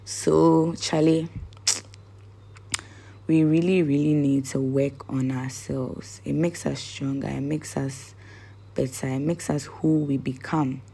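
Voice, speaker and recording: Slow, gravelly woman. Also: deep voice, fairly even intonation, warm tone, slight background noise. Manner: rambling, searching for words. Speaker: vlogger. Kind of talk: casual motivational talk.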